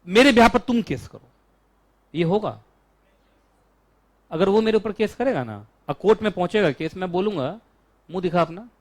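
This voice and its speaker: A man with an Indian accent teaching a law class, chatty and joking, stretching out key terms slowly. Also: on the high side.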